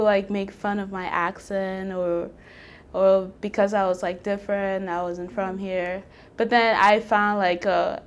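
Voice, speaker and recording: A young woman from Cameroon, an international college student, talking quickly in a documentary interview, laughing softly now and then. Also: medium pitch. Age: young adult. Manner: talks fast with soft laughs.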